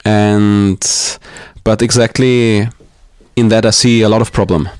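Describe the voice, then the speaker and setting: Soft-spoken low-voiced Austrian guest. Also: male voice, steady tone, a little slow, clean tone, dry recording, studio quality. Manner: hesitant, reflective, with many ums and restarts. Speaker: podcast guest. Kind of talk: casual interview talk. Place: home living room.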